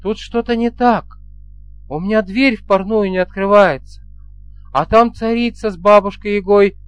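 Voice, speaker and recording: A man's voice: high-pitched, moderate pace, smooth, no room sound, voice pushed up, lightly acted. A man reading an audiobook, voicing a playful, affectionate young bride in a lifted, folksy way. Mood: puzzled. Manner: light, coaxing, folksy speech.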